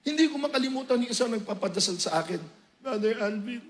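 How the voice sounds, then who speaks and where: Racing through his words, a male preacher tells his testimony in a sermon, his lively, emotional delivery swinging up into loud moments.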